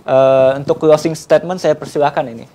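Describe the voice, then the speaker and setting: A man's voice: on the high side, fairly even intonation, fairly quick, dark tone. A man hosting a church talk show, asking questions hesitantly with many fillers. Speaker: host.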